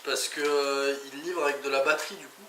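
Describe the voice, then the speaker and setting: With a medium pitch, fairly even intonation and a sharp tone, a man speaks a little fast. As a motorcycle vlogger showing gear, he gives an informal hands-on tutorial, narrating each step with small interjections. The audio is echoey, distantly miked and clearly noisy.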